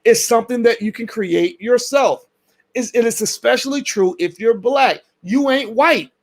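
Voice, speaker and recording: A man's voice: extremely high pitch, moderate pace, a little mellow. A man hosting a casual talk to camera, emphatic and colloquial, who says he is losing his voice. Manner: emphatic, repeats words and restarts, colloquial. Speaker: host.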